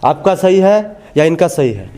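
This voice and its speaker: High-voiced male field reporter. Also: big pitch swings, a little slow, mellow. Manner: informal, prodding, calls students friend. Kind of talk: on-the-spot interview reporting. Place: school classroom.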